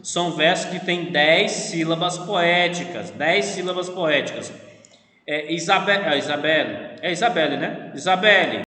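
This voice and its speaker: A man's voice: fairly high pitch, animated, measured pace, sharp tone. Brazilian male teacher in echoey room. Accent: Brazilian Portuguese. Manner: explains patiently, often checks with "né?". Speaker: literature teacher. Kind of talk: online class lecture. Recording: echoey room with long reverb.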